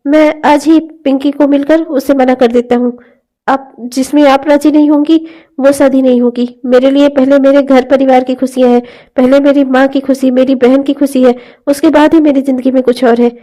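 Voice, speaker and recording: A woman voicing an earnest young man in a cartoon, a devoted brother who speaks gently and slowly. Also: sits high, little pitch movement, lightly acted.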